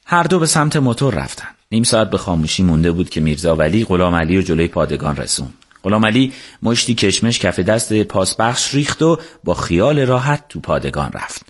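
A man narrating a book on the radio in a calm, measured storytelling manner. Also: low voice, husky. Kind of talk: scripted narration.

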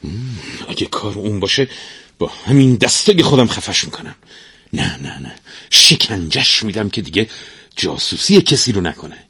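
A man's voice: fairly low pitch, very animated, husky, no room sound, heavily acted. A man voicing a hot-tempered, suspicious merchant's wife in a storybook reading, in a raised, scolding voice. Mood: angry.

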